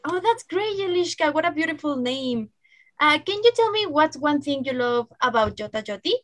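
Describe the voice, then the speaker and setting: A woman's voice: high-pitched, expressive, moderate pace, fairly bright tone, dry recording. A young woman hosting an online youth show over a video call, upbeat and encouraging as she welcomes guests. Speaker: show host.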